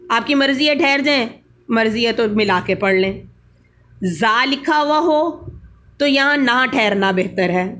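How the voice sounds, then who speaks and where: Woman teaching Quran pause marks. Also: a little high, a bit bright, a little hiss or hum. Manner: explains slowly, repeats key rules. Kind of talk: religious lesson.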